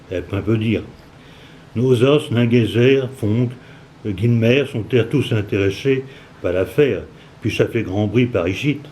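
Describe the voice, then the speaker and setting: Reading a tale in the local dialect, this Norman man in his seventies carries a Cauchois accent and occasionally stops, starts over or makes side remarks. He has a warm, mid-range voice, and a slight hiss or hum sits under the recording.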